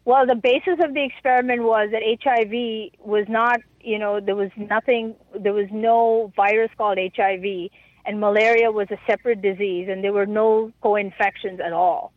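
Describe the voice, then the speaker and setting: A woman answering an interviewer's questions over the phone, halting and stumbling over her words. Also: medium pitch, steady tone, dry recording. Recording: tinny phone line.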